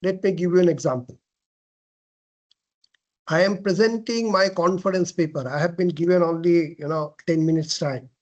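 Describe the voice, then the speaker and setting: A man giving a classroom lecture on presentation skills, asking questions and answering them himself, often clearing his throat and restarting phrases. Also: on the high side, moderate pace, long pauses, dull audio. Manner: frequent throat clearing and self-corrections.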